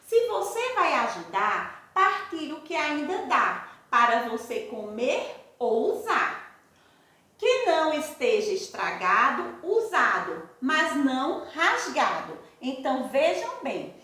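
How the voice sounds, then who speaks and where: A Brazilian woman teacher leads a recorded lesson for young children, her high voice rising and falling a great deal. She speaks slowly and affectionately in a sing-song way. The recording is very echoey, as if made in a bare room. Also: sing-song, pushed and bright. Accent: Brazilian Portuguese. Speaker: primary school teacher.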